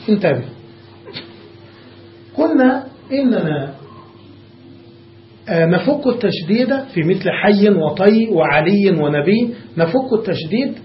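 Male grammar teacher, high voice, patient step-by-step classroom explainer; dull lo-fi recording with room echo. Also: slight background noise. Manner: explains step by step, checks understanding with repeated questions.

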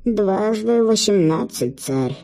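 A man voicing a sly, squeaky, creaking creature messenger in an audiobook, speaking in a slow drawn-out wheedling way. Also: animated, darkish tone, full character voice. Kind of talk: audiobook character voice.

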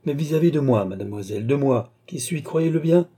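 A man reading the part of a stern, solemn doctor in an audiobook, with a very dark, husky voice. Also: on the high side, lively intonation, fairly quick. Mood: insistent. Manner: solemn, insistent. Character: grave, stern older male doctor.

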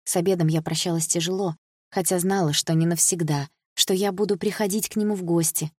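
Low, husky woman reading an audiobook. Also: fairly even intonation, fairly quick, a little mellow, no room sound, clean studio sound. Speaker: audiobook narrator. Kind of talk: first-person audiobook narration.

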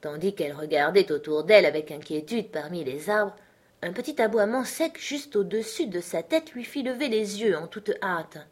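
A woman narrating a storybook audiobook in a soft, even reading voice. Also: mid-range voice, moderate pace. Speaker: audiobook reader.

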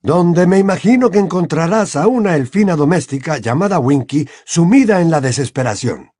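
A man doing Dumbledore, a husky old wizard. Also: fairly high pitch, lively intonation, dark tone, no room sound, clean studio sound, pitched above the performer's own voice. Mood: grave. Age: over 60. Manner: measured, deliberate, grave. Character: elderly wise wizard headmaster, calm and commanding. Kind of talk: audiobook character voice.

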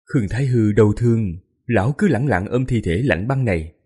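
Male audiobook narrator, dramatic and mournful, husky voice with a lively pitch. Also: brisk. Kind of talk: scripted narration.

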